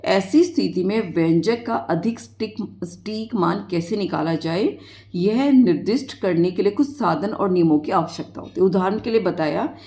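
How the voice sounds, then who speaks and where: A woman's voice: fairly low pitch, dark tone. A woman math teacher, explaining a lesson step by step and asking her students questions.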